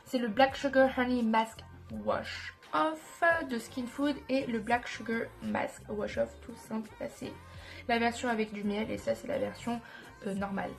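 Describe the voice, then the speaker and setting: Higher-voiced woman with a stuffy nose. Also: steady tone, measured pace, faint music behind. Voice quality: nasal, blocked-up sound. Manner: informal, enthusiastic about products, self-correcting. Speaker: beauty vlogger presenting skincare products. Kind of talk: casual chat to viewers.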